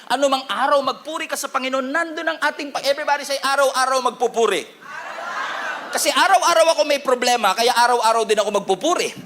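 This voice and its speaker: High-voiced, animated Filipino preacher. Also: male voice, quick pace, few pauses, slight background noise. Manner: animated, humorous preaching with Taglish code-switching; calls out for congregation responses. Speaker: pastor. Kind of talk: sermon.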